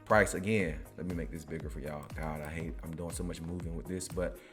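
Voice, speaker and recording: A man's voice: rumbling low, fairly quick, faint music behind. A man hosting a finance video, walking through price charts in a casual, rambling way and asking "right?" after nearly every phrase. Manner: says "right?" constantly, restarts, excited bursts.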